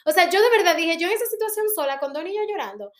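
A woman, co-hosting a casual chat and telling lively anecdotes. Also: very high-pitched, fast. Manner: lively, dramatic anecdotes, frequent affirmations. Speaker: podcast co-host, mother.

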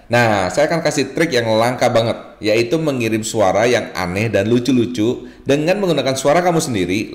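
A man presenting a tech tutorial as host, chatty and checking in with viewers through little tag questions. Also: lowish voice. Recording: roomy, echoey sound.

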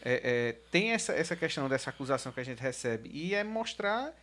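A man's voice: mid-range voice, very animated, brisk, fairly bright tone. A man in a casual panel discussion, earnest, often restarting and repeating words.

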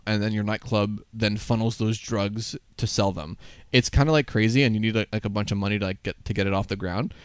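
A man's voice: lowish voice, smooth, no room sound. A man casually chatting about games on a podcast, rambling with lots of fillers and casual swearing. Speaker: podcast co-host. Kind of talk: casual gaming chat.

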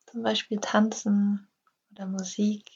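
A woman guiding a yoga nidra relaxation session in slow, soft, half-whispered instructions. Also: medium pitch, little pitch movement, muffled recording. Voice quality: breathy, husky. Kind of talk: guided relaxation meditation.

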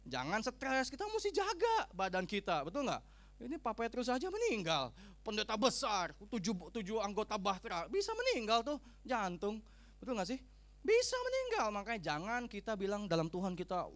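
Animated, high-voiced preacher man. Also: brisk. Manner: humorous, animated, acts out quoted speech. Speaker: pastor. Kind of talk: sermon.

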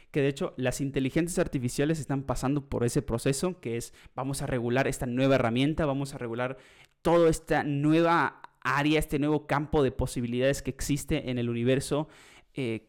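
A man's voice: mid-range voice, a little mellow. A young man hosting a podcast, chatting casually and rambling with many fillers and asides. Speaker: podcast host.

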